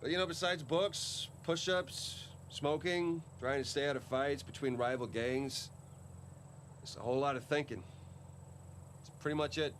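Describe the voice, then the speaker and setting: An actor playing a joking, easygoing middle-aged ex-con treasure hunter in video game dialogue. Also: male voice, fairly high pitch, fairly even intonation, moderate pace, a bit bright, slight background noise, natural voice. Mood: reflective.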